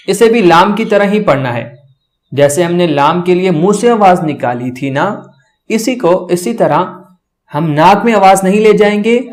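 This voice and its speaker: A man gives a patient beginner pronunciation lesson. He talks through how each sound is made, then holds each letter long and loud, repeating it for the learner. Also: on the high side. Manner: explains slowly, then drawls each letter loudly twice. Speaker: Arabic letters teacher.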